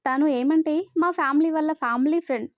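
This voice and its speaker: Woman reader doing a friendly young groom, frank, high voice, storybook. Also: fast, dry recording, highs cut off, lightly acted. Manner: cheerful, frank.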